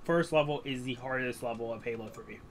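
A man hosts a gaming session and chats loosely with a friend, filling gaps with "uh" as he goes. His voice sits at an everyday middle pitch. A faint hiss sits under the voice. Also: brisk. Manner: relaxed, rambling, with fillers. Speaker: gameplay channel host. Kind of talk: casual gaming chat.

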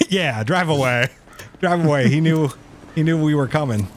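A man's voice: a little high, wildly swooping pitch, measured pace, noisy background. A man playing a gang member in a video game roleplay, joking and laughing easily. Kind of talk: casual in-character game chat.

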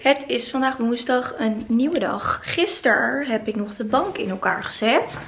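A woman's voice: a little high, lively intonation, a little slow, music in the background, low-quality recording. Upbeat young woman vlogging her new apartment. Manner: chatty and upbeat, filming herself handheld. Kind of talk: casual vlog narration. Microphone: handheld camera close to the face.

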